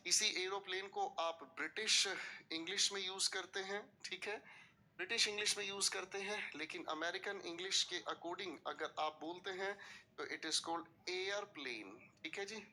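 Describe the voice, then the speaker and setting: Bright-voiced male teacher lecturing. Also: high-pitched, fairly even intonation, moderate pace. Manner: explains patiently, often asks students to repeat words; mixes English terms into Hindi explanation. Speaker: English vocabulary teacher. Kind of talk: classroom-style video lecture.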